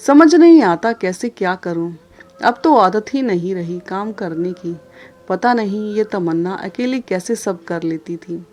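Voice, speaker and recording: A woman's voice: medium pitch, animated, unhurried, darkish tone, faint music behind, lightly acted. A woman voicing an irritated, overworked older mother in a storybook, talking in a complaining, fretful way.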